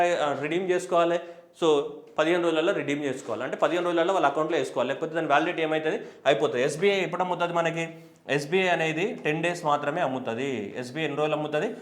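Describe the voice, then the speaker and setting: In a classroom lecture, a male teacher for competitive exams runs an exam-prep class, firing off questions and answering them himself with emphasis. He switches between Telugu and English, and his fairly high voice has a roomy sound.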